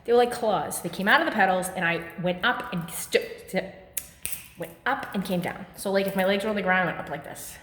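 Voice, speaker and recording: A woman's voice: mid-range voice, a little fast, slight background noise. A woman giving a casual workout demonstration at home, chatty and full of fillers, a little out of breath from the exercise. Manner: chatty, filler-heavy, lively. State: slightly out of breath. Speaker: fitness vlogger. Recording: echoey room with long reverb.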